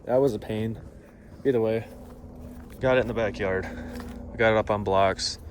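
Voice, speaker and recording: A young DIY truck vlogger narrates his project casually while working, rambling, poking fun at himself and sometimes out of breath. His voice is on the low side, with fairly even intonation and a moderate pace. A phone camera propped up nearby records him in the backyard and workshop, indoors and out, with a little hiss or hum.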